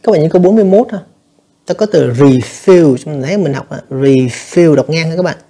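A male teacher walks students through an exam review lesson. His voice is husky and a bit gravelly, and he speaks fast. He keeps explaining and turning to his listeners as he goes. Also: fairly high pitch, animated, mellow. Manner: explanatory, addresses students repeatedly, frequent fillers. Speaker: English teacher.

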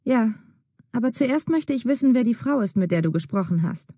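Woman doing a suspicious wife grilling her husband, mellow voice, dry close sound. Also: fairly high pitch, expressive, moderate pace, no echo, voice pushed up. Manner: probing, pressing questions. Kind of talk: acted dialogue in a learner audio drama.

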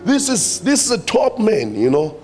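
A man's voice: high-pitched, huge pitch swings, normal speed, a little mellow, faint music behind. A man with a South African accent preaching a sermon, addressing the church and repeating his phrases for emphasis.

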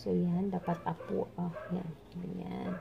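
The recording is muffled with a noisy background, and the woman's lowish, gravelly voice moves little in pitch as she talks a little slowly. A plant vlogger from the Philippines with a Visayan accent, she chats while working with her hands at an indoor table of potted plants, mixing English with Tagalog and Bisaya as she demonstrates plant care.

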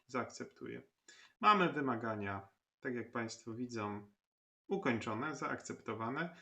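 Male lecturer, gravelly mid-pitched voice, unhurried screen-tutorial delivery full of filler sounds. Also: sharp tone. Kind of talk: screen-recorded platform tutorial.

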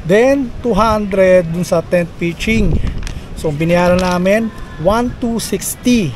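Man with a Filipino accent, high voice, slow easygoing pace, camping vlog, wind noise on the mic. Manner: relaxed, chatty, points things out while walking. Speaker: camping vlogger. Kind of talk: casual vlog tour. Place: outdoors on a shady beach campsite, later inside a tent. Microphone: handheld camera at arm's length.

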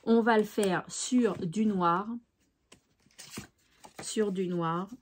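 A woman's voice: medium pitch, drawn-out words, a little hiss or hum. A woman hosting a craft tutorial, chatting casually and thinking aloud with fillers. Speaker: craft channel host.

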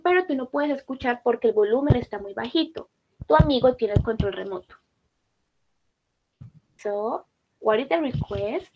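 A woman's voice: on the high side, highs cut off, noisy background. A woman teacher leading a class, patiently repeating and praising student answers.

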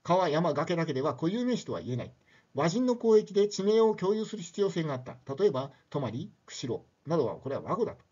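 An older man lectures in a relaxed, chatty way, sprinkling his points with tag questions and fillers. His voice sits a little high for a man and swings widely in pitch. The recording sounds dull and lo-fi. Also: fairly quick. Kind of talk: casual spoken lecture.

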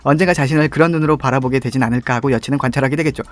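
A man's voice: mid-range voice, racing. A young man commenting casually while he plays a mobile dating game, reading its lines aloud and laughing often. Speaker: gaming YouTuber.

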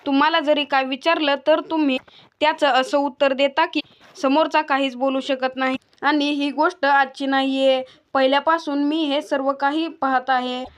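A woman voicing a furious, suspicious young husband in a retold TV serial, read in a flat way. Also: high-pitched, normal speed, natural voice. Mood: angry. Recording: dull lo-fi recording.

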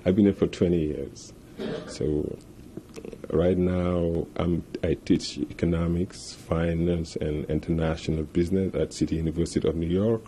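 A middle-aged man from Senegal, a professor and entrepreneur, answering interview questions in a measured way, often repeating small words, into a handheld mic in an office. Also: low voice, fairly even intonation, mellow, a little hiss or hum. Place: office with world map on wall. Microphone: handheld reporter mic.

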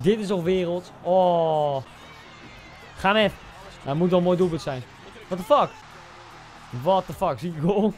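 A young man with a slightly high voice gives excitable, casual reactions to football goals. He swings between loud outbursts and quiet muttering.

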